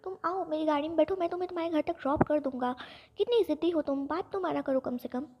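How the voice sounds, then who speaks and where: A woman's voice: high voice, fast talker, lo-fi sound, noisy background, close to an everyday voice. A woman voicing a young man who is insistent and bossy, with a pushy, scolding manner, in a storybook reading.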